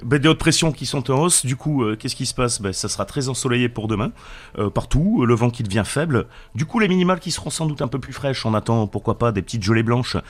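A man's voice: mid-range voice, expressive. A man delivers a radio weather forecast from the studio in a mid-range, unremarkable voice. He keeps it chatty and jokey, and stumbles over the odd word with small fillers. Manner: chatty, joking, slightly halting with fillers.

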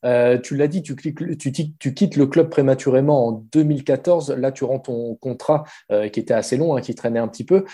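Mellow male interviewer. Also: medium pitch, a little fast, hardly any pauses, breathy edge. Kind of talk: interview questions.

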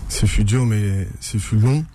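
A man's voice: on the low side, unhurried, mellow, slight background noise. A man from France, a guest author in a radio interview, speaking hesitantly with many fillers and restarts.

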